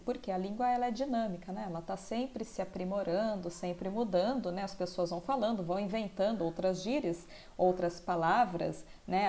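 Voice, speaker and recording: A woman's voice: a little high, a little mellow. A woman teacher explaining a school lesson, often checking in with tag questions.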